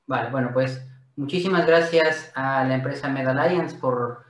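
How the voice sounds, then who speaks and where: A man's voice: mid-range voice, moderate pace, fairly bright tone, far from the mic. A middle-aged man with a Mexican accent, giving a webinar presentation with many fillers. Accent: Mexican Spanish. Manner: explanatory, with frequent fillers. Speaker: guest speaker. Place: home office, video call. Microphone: laptop mic on video call. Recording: echoey room, off-mic.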